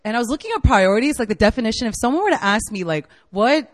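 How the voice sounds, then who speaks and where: A campus ministry staff member in her late twenties, from Virginia in the United States, gives college students a casual, enthusiastic sermon in a university meeting room. She's chatty and leans heavily on fillers like "like" and "right?". Her fairly high voice is expressive and quick, with a long reverb tail.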